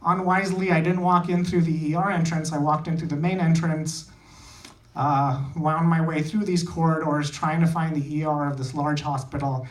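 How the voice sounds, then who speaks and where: Performing comedy on a small theater stage, a man from India talks at normal speed in a steady, highish voice. His short phrases carry a dry, self-deprecating humor. The recording sounds echoey and noisy, picked up by a distant mic.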